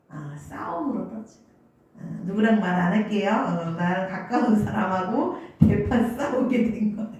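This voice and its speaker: This sermon comes from a woman pastor with a high, slightly mellow voice who tells stories and asks the congregation questions. It was recorded in a church sanctuary with heavy echo.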